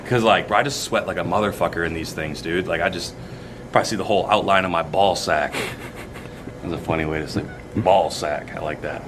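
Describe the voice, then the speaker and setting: Young male fitness vlogger, very low voice, crude jokey gym talk. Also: fairly quick, noisy background. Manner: crude, swearing, joking. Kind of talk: casual gym chat.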